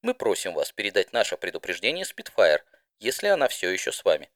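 A man voicing a regal princess mare who speaks in a formal, stately, measured manner. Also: low-pitched, wildly swooping pitch, a bit bright, no echo, clean studio sound, full character voice. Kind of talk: fan audiobook voice acting.

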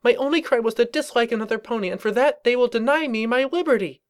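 A man voicing a frantic, paranoid young female pony who is dramatic and overwrought. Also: quick pace. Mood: indignant. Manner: shrill and overwrought, warbling when singing.

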